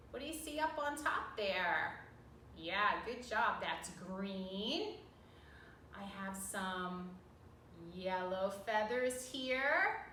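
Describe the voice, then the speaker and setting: Bright, high-pitched woman preschool teacher. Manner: sing-song, questioning, sounds out words and encourages. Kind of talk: virtual lesson for small children. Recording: roomy, distant mic, faint noise.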